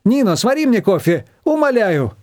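A bossy, excitable woman friend, voiced by a man, talks loudly in a high voice. She keeps exclaiming, and her voice moves up and down a lot. The sound is dry and close. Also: normal speed, dry recording. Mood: bossy, excited.

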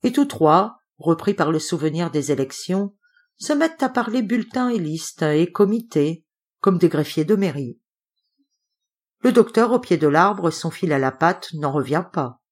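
A woman narrating a classic novel as an audiobook reader, with lively expressive storytelling. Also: on the low side, unhurried.

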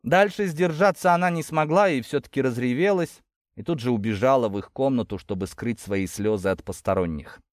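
A man narrating a novel in an expressive storytelling manner. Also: mid-range voice, fairly quick, dry recording, clean studio sound. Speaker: audiobook narrator. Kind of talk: scripted narration.

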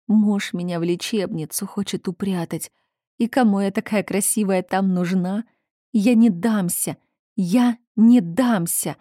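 A woman's voice: medium pitch, dark tone, dry recording, studio quality, close to an everyday voice. A woman voicing a hysterical, melancholy young noblewoman who sobs and lashes out. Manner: sobbing, drawn-out, raised outbursts.

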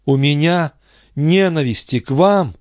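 A man's voice: on the high side, moderate pace, a little mellow, dry recording, clean studio sound, pitched above the performer's own voice, lightly acted. A man voicing a young noblewoman who pleads in breathless, emotional bursts. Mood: anguished. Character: young noblewoman, anguished and passionate.

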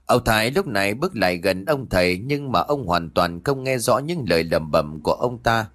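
A man's voice: lowish voice, expressive, moderate pace, fairly bright tone. A man narrating a scripted ghost story in a dramatic, suspenseful manner.

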